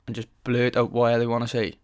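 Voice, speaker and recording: A young man talks through a casual solo podcast, frank and sweary, circling back on his thoughts with fillers and half-finished starts. His voice is smooth and resonant, sitting in a middle pitch. It is recorded close and dry, with no room sound. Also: level tone, a little fast, no room sound. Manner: frank, rambling, heavy swearing; earnest, thinks aloud with fillers and restarts. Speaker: podcast host.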